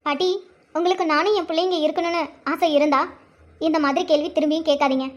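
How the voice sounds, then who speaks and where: A woman voicing a stubborn, resentful young mother in an animated cartoon, talking firmly and curtly. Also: extremely high pitch, fast talker. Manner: firm, curt, bitter.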